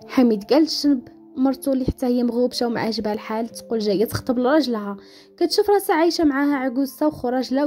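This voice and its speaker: A woman's voice: fairly high pitch, dark tone. A woman with a Moroccan accent narrating a dramatic story and voicing the characters' quoted lines.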